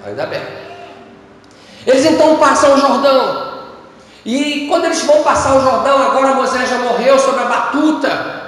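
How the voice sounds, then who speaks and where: A man with a Brazilian Portuguese accent preaching a sermon as pastor, retelling scripture stories and acting out the dialogue, swinging between loud bursts and low tones. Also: animated, normal speed, pauses often. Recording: echoey church hall.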